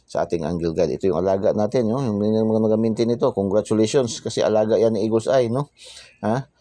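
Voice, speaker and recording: A very low-pitched man with a dark, mellow voice, chatting casually as a channel host. He keeps adding "ha?" and "no?" after his lines, in a dry, close recording. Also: a little fast, dry recording. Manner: chatty, repeats tag phrases and "ha?" constantly; drops into whispers for secret numbers. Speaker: lottery tip channel host.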